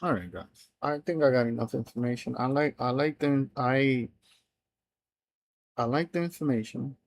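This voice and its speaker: On a live coding stream, a man whose first language is Spanish reads out his app plan in a halting way, restarting often and leaving phrases unfinished. He has a mid pitch for a man, and the audio is close and dry with hardly any room and no echo.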